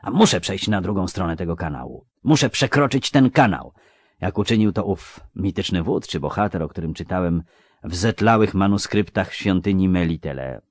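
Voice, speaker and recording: A man's voice: low voice, animated, moderate pace, no echo. A man voicing a frightened teenage boy, anxious and pleading, in an audiobook. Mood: brooding. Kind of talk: audiobook character voice.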